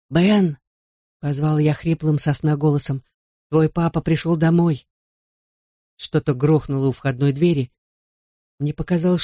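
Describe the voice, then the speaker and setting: A man reading a first-person audiobook in a measured, even storytelling manner. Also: fairly high pitch, no echo, clean studio sound. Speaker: audiobook narrator.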